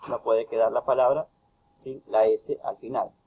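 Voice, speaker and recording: Gravelly man giving a grammar lecture. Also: medium pitch, steady tone, highs cut off, a little hiss or hum. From Ecuador. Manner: slow, emphatic reading of example phrases. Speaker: university tutor. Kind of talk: recorded lecture explaining grammar.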